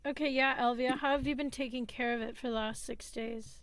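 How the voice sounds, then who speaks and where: Brief: woman game master, higher voice, lively and laugh-prone, runs the table. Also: a little fast, a crowd in the background.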